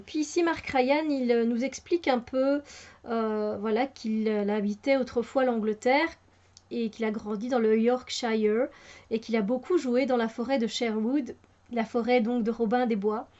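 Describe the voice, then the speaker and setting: In a muffled, lo-fi home recording, a woman whose first language is French gives a casual spoken review of a tarot deck. She sounds enthusiastic but hesitant, full of fillers and restarts, and her fairly high voice has a darkish quality.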